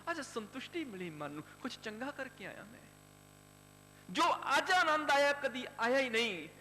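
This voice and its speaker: An earnest, tender-hearted young boy , as a preacher acts him out in a sermon, speaking with pleading emphasis. The voice is high and bright and rings in a large reverberant hall. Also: sing-song, brisk. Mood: joyful. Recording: hall reverb, faint hum.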